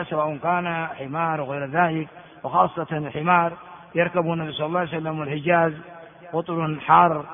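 An older man teaching as a sheikh, reading hadith texts and explaining them slowly in a lecture. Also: fairly high pitch. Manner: explains slowly, reads then comments. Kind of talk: classroom lecture commentary. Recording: tinny phone-like sound in a large reverberant hall.

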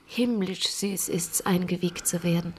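A woman's voice: on the low side, measured pace, a little hiss or hum, lightly acted. An actress playing a devoted, sorrowful young noblewoman in a radio play, often speaking in a whisper. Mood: hushed tender. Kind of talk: classic radio play acting.

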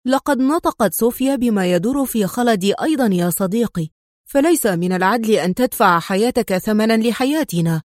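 A woman's voice: fairly high pitch, lively intonation, brisk, darkish tone, dry recording, studio quality, close to an everyday voice. A woman doing an earnest, heated male friend. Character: warm, loyal male friend.

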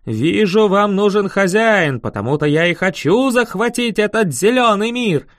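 A man's voice: sits high, lively intonation, moderate pace, a bit bright, no room sound, studio quality, voice pushed up. A man voicing a cocky young wizard who protests indignantly and blusters threats. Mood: mock-menacing. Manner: indignant, mock-menacing bluster.

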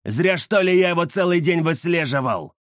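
A man's voice: on the high side, animated, moderate pace, dry recording, studio quality, close to an everyday voice. A man voicing a swaggering, greedy bandit tomcat who leads a gang in an audiobook, brash and mocking.

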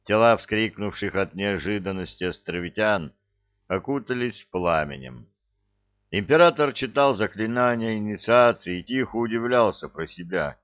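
A man reading a fantasy novel aloud in steady, measured scripted narration. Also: fairly low pitch, dull audio. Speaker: audiobook narrator.

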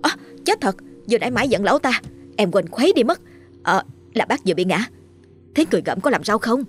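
A woman doing a shrill scolding village wife. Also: animated, a little fast, faint music behind, close to an everyday voice. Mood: flustered. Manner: shrill, nagging, gossipy.

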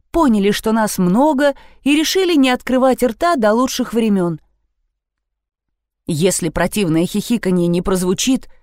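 A woman narrating an audiobook in the first person with lively, expressive reading. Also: medium pitch, no echo, clean studio sound. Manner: lively, animated character reading.

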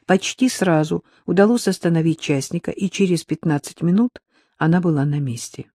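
A man reading a crime novel aloud as narrator, in a steady storytelling manner. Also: on the high side, normal speed, no room sound, clean studio sound. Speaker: audiobook narrator. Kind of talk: scripted narration.

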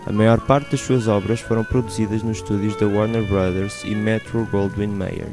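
A man with a European Portuguese accent giving brisk, informative scripted radio narration. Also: lowish voice, steady tone. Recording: narration over music. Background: music.

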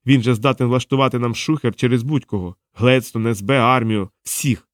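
A man voicing a gruff, nervous male gang leader in an audiobook, growling and agitated. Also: medium pitch, fairly even intonation, moderate pace, no echo, clean studio sound, lightly acted. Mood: gruff, uneasy. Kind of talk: audiobook character voice.

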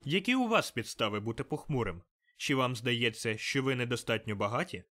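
A man's voice: mid-range voice, animated, fairly quick, natural voice. Man doing a cheerful, eager young nephew. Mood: eager, pleading. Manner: bright, eager, raised voice. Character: cheerful young male nephew, warm-hearted and pleading.

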